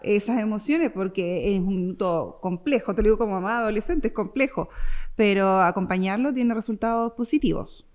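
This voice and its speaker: A woman's voice: medium pitch, a little fast, a little mellow. A woman hosting a radio and TV interview, affirming and asking questions. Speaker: interview host.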